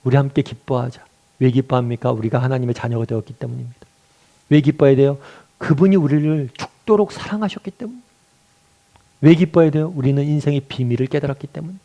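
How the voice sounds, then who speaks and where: Pastor preaching with rhetorical questions. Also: male voice, medium pitch, flat delivery, fast, gravelly, dark tone, muffled recording. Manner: rhetorical questions answered himself, rising to emphatic peaks. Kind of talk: sermon.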